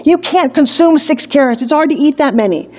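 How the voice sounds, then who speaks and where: A middle-aged woman with a fairly high voice, talking through a casual video lesson. She is chatty and playful and keeps up lively asides as she explains. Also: fairly quick. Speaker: wellness instructor.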